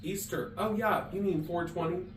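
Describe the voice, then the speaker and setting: A high-pitched man speaks at a normal speed while co-hosting a podcast recorded in an echoey garage, sitting far from the mic with faint background noise. The talk is casual comedy, and he chats playfully and rambles.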